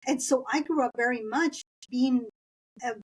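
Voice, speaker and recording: Speaking at a moderate pace in a high voice, this middle-aged Spanish-first woman from East Los Angeles shares school-days stories as an interview guest. The low-quality recording carries a little hiss or hum. Her talk is chatty, full of anecdotes and laughter.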